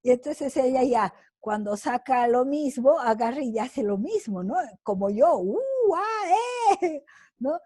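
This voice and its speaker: An older woman teaches over a video call, taking her time as she answers students. She talks slowly and thinks aloud with fillers and little tag questions. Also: a little high, dark tone, breathy edge. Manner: slow, deliberate, with many fillers and tag questions. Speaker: lecturer.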